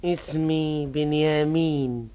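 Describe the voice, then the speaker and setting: Captured courier, fairly high voice, pleading, submissive, formal Arabic drama. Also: male voice, fairly even intonation, warm tone, smooth. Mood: submissive confession. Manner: deferential, deliberate. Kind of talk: historical drama in classical Arabic.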